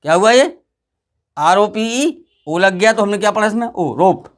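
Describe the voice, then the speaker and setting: A man's voice: sits high, lively intonation, normal speed. A man teaching English pronunciation to students in a patient classroom lesson, repeating and drawing out each vowel sound.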